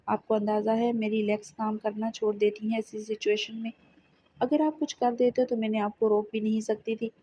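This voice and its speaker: A woman's voice: on the high side, flat delivery, mellow, breathy edge, dry recording. A woman reading the lines of an upset young wife scolding her husband in an audio novel.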